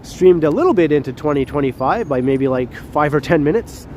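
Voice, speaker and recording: A man with a cold-stuffed nose hosts a casual walking livestream on a city street at night, with traffic and outdoor street noise around him. His voice is a little high, expressive and fairly quick, a little mellow, and he is chatty, laughs often and greets chat readers by name.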